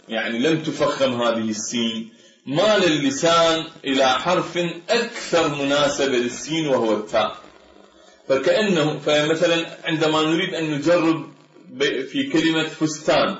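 A man's voice: on the high side, a bit bright. Lecturing man in an echoey room. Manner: measured, explanatory, slows to sound out example words. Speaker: Arabic language lecturer. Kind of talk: academic lecture. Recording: echoey, dull lo-fi room recording.

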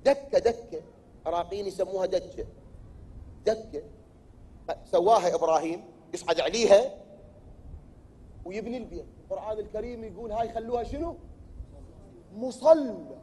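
A high-pitched male preacher with an Iraqi accent delivers a sermon. He keeps asking his listeners questions and answering them himself. He sometimes builds up to loud, forceful declaiming. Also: fairly quick, pauses often, a little hiss or hum. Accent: Iraqi Arabic. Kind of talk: religious sermon.

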